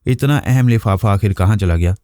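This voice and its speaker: A man narrating a novel in a steady, even storytelling manner. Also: fairly low pitch, fairly quick, no echo, studio quality.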